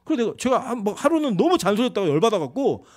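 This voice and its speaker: Animated Korean pastor in his forties. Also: high-pitched, racing. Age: 40s. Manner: animated, conversational preaching with quoted asides. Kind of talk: sermon. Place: church sanctuary.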